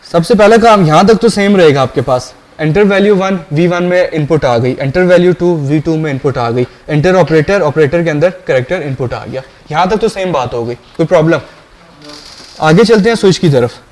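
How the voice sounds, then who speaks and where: A man's voice: a little high, expressive, normal speed, a little mellow. A male lecturer teaching a programming class, explaining step by step and often asking the class questions to check they follow.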